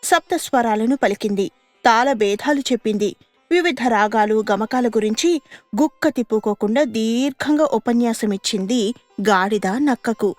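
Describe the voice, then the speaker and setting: A woman telling a children's story on radio, narrating gently and unhurriedly as a mother to her child. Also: on the high side, normal speed, dry recording. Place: radio studio. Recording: dry studio radio recording with faint music.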